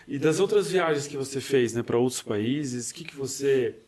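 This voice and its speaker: A man with a mid-range voice hosting a podcast interview. He asks questions at a relaxed, chatty pace, leaning on small fillers as he goes. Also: medium pitch, normal speed. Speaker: podcast host. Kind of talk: casual interview chat.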